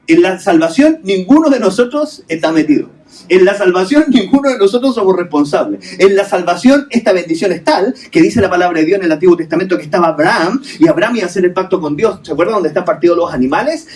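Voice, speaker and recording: A male pastor preaches in a hotel hall, putting rhetorical questions to the congregation and mixing English terms into his speech. His voice is high-pitched and a little mellow, picked up by a distant mic.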